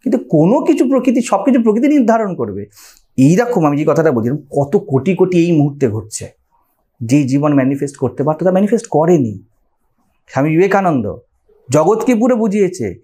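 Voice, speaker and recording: A spiritual teacher with a Bengali accent lectures on scripture, explaining step by step and often checking in with listeners through rhetorical questions. His voice is a little high, sing-song, mellow, and fairly quick.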